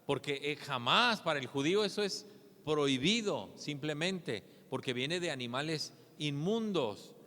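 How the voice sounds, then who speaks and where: Pastor guy preaching, kinda high voice, earnest, tons of rhetorical questions, big echoey hall. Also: animated, measured pace, pushed and bright. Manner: earnest, asks rhetorical questions with a tag "¿verdad?". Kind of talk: sermon.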